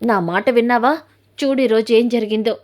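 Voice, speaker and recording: A woman's voice: fairly high pitch, normal speed, darkish tone, lightly acted. Woman voicing a stern scolding mother. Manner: scolding, lecturing. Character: scolding middle-aged mother, stern and blunt.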